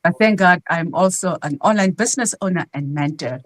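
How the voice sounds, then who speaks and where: A woman in her fifties from South Africa, a grandmother, introducing herself warmly on a live video call panel. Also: fairly low pitch, brisk, no room sound. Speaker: guest, registered nurse and mentor.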